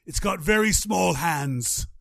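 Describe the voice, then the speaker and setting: A man voicing an alien guide who stalks humans, talking in a hushed, conspiratorial way. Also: sits high, animated, takes it slowly, gravelly, dry recording, heavily acted.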